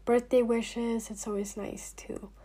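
A young woman in her late teens talks casually to her viewers in a husky, slightly hoarse voice. She drifts between ordinary speech and soft, nearly whispered asides, with plenty of fillers along the way. She sounds like she is getting over an illness. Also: a little high, flat delivery, measured pace. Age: young adult. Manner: chatty, frequent fillers, drops to near-whispers. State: recovering from illness, clearing throat. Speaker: vlogger. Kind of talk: casual talk to camera.

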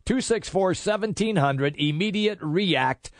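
A man's voice: high-pitched, expressive, unhurried, no room sound. A man hosting a sports talk radio show, with easygoing, friendly banter.

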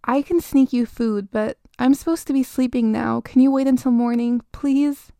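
A woman's voice: high-pitched, moderate pace, warm tone, no room sound, studio quality. A woman voicing a teenage girl who is sulky with her mother and stammers when frightened.

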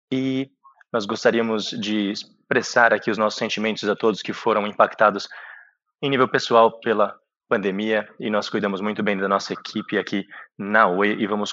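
Lowish Brazilian male interpreter, halting phrasing. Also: pushed and bright. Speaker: simultaneous interpreter for an executive. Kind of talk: business presentation, live interpreting. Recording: dull, echoey conference call audio.

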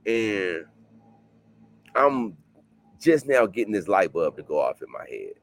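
A man in his late thirties, a guest author talking casually in an interview, loose and repetitive, jumping into excited bursts. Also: low-pitched, slow, gravelly. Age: 30s. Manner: loose, repetitive, rising to excited bursts when quoting himself.

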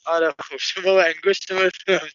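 A young man speaking over a phone line in an interview, talking haltingly with many restarts and fillers. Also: sits high, little pitch movement, fairly bright tone. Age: young adult. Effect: heard over a phone line.

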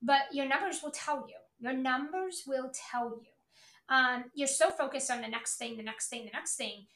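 A woman's voice: high voice, moderate pace, sharp tone, reverberant. A woman giving a motivational business coaching talk in a blunt, emphatic, repetitive way, peppered with swearing.

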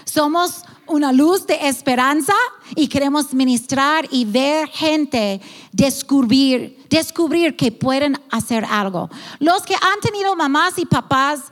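A woman who leads the ministry at a children's home gives an earnest testimony about it, her high voice full of heartfelt passion and lively intonation as she speaks slowly. She often pauses to find the right word and restarts sentences, and a long reverb makes it sound like a big hall.

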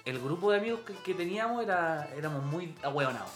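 A Chilean man rattles through his stories at a quick clip, his voice pitched a little high. He talks slangy and profane and jumps into the voices of the people he quotes. The room rings with echo, and faint music plays underneath. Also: lively intonation. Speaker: guest comedian telling school stories. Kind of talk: casual storytelling chat.

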